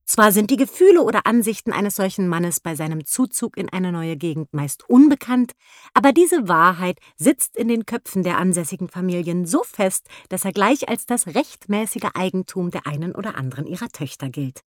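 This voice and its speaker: A woman narrating a classic novel as an audiobook, in a measured, expressive reading. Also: on the low side, no room sound, clean studio sound.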